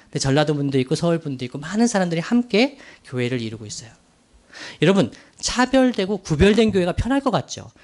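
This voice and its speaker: Casting note: male pastor with a high, bright voice, delivering an earnest sermon with slow, weighty emphasis. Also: big pitch swings. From Daegu, South Korea. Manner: earnest, slow emphatic phrasing with rhetorical questions to the congregation.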